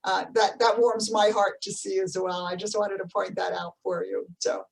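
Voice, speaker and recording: A woman's voice: mid-range voice, animated, moderate pace, vocal fry, distant mic, poor audio. A woman with a New Jersey accent hosting an interview over a video call, effusive and full of compliments. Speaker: podcast host. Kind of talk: casual interview chat.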